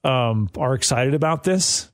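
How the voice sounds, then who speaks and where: A man from Wisconsin co-hosting a casual local news chat, playful and quick to act out funny quotes. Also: mid-range voice. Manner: animated, playful, acts out quotes in funny voices. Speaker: co-host.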